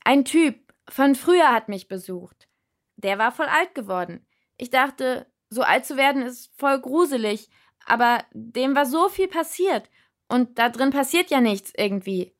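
A woman playing a young woman who shouts high and strained to be heard over loud music. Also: slow. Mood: shouting.

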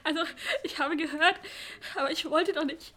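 A woman's voice: high-pitched, fairly even intonation, normal speed, bright, forceful tone. A woman voicing a guilt-ridden young woman who stammers through tearful sobs in an audio drama. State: crying.

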